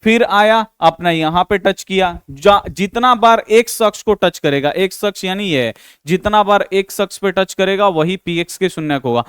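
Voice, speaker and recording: A man's voice: sits high, normal speed, few pauses, a bit bright, smooth, no echo, studio quality. A man teaching a class 10 math lesson, explaining each step patiently and repeating key points, calling his students "babu".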